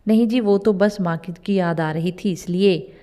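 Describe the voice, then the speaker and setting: A woman voicing a gentle, soft-hearted elderly mother-in-law in a spoken storybook tale. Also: mid-range voice, moderate pace, close to an everyday voice. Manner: soothing, pleading.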